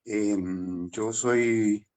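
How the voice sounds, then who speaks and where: An older man with a Honduran accent, a playwright speaking on a video call panel in a slow, meandering, reflective way. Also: fairly low pitch, fairly even intonation, darkish tone. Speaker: playwright and theater director.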